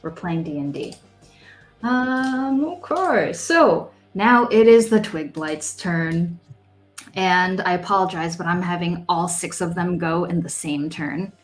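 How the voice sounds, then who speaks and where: Slow-talking woman game master. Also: lowish voice, lively intonation, soft background music, poor audio. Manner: laid-back, apologetic, chatty with filler words. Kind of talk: running a tabletop game, casual chat.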